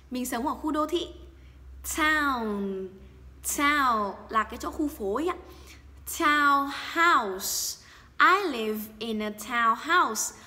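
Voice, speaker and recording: A woman teaching an English lesson, repeating each phrase slowly for learners, then explaining it quickly. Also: high-pitched, bright, forceful tone, long reverb tail. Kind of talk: bilingual language lesson, slow drills.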